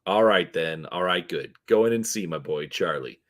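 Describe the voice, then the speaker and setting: A man voicing a twitchy, shifty male orc drug dealer with fast, wheedling street slang. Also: sits low, animated. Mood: menacing.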